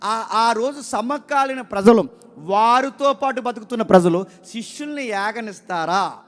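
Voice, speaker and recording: A man's voice: extremely high pitch, unhurried. A man preaching a sermon as a pastor, hammering his points with repeated words and rhetorical questions he makes the congregation answer. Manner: emphatic, keeps firing rhetorical questions at the congregation and demanding answers; repeats key words for emphasis.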